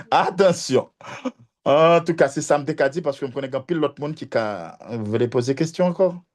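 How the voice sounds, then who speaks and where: A man's voice: medium pitch, normal speed. A man, the invited presenter, fielding audience questions and encouraging speakers with short affirmations. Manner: short warm affirmations while others speak.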